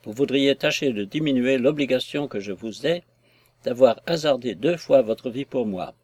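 A man's voice: mid-range voice, lively intonation, normal speed, no room sound, natural voice. A man reading as a shy young lady. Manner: soft, hesitant replies. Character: young gentlewoman, shy and tender.

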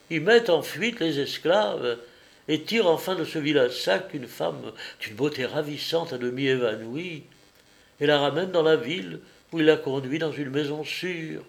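Gossiping society lady, man reading, lively storyteller, slightly raised voice, audiobook. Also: on the high side, gravelly, voice pushed up.

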